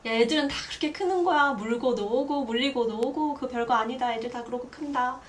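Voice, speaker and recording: Casting note: woman doing a laughing older mother who waves off worry, light high voice. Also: fairly quick, recorded from a distance, a little hiss or hum, close to an everyday voice. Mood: breezy. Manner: breezy, dismissive reassurance.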